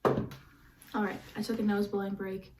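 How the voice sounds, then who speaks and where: A woman's voice: medium pitch, level tone, measured pace, recorded from a distance, very noisy. A woman vlogging casually about her knitting, rambling with lots of fillers and sounding stuffy from a runny nose. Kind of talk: casual show-and-tell chat.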